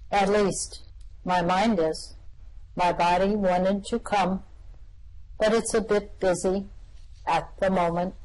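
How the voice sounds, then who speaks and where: In an amateur radio-play reading with poor audio, a performer plays a calm, bodiless custodian of a machine. The medium-pitched, lightly acted delivery is slow, deadpan and matter-of-fact.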